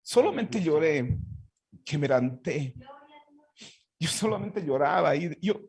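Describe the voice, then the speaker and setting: A man's voice: fairly high pitch, lively intonation, slow, gravelly, darkish tone, breathy edge, dry recording. A Bolivian man with a Bolivian Spanish accent, a pastor telling his personal faith testimony in an earnest, heartfelt way with frequent restarts.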